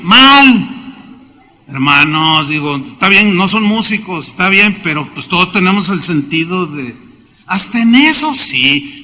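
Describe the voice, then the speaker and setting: Mexican pastor man preaching, high bright voice, acts out the stories, long echo in the church. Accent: Mexican Spanish. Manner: animated storytelling, voices quoted people, sudden shouts. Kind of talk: sermon. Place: church sanctuary. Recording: long hall reverb.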